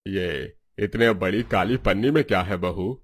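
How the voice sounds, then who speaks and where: A man voicing an older father-in-law who calmly tells the family to bring the bride inside. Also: low voice, a little slow.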